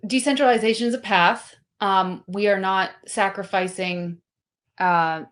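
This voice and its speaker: A woman speaking as a guest in a casual interview, animated and talkative, full of fillers and restarted sentences. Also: medium pitch, a little slow. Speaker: guest, company representative.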